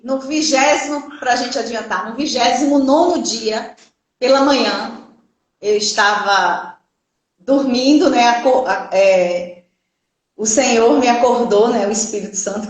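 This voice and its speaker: A middle-aged Brazilian woman telling a personal church testimony in an earnest, halting way, with many restarts. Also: a little high. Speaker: guest giving a church testimony. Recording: very echoey room.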